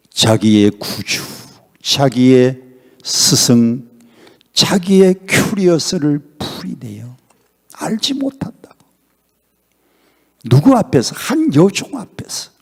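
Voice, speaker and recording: Older male elder pastor, revival preacher; animated delivery with big pitch leaps, heard with long church-hall reverb. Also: slow pace, creaky. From Honam, South Korea. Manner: emphatic preaching with sudden pitch leaps and questions to the congregation. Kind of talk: revival sermon. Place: church sanctuary at a revival meeting.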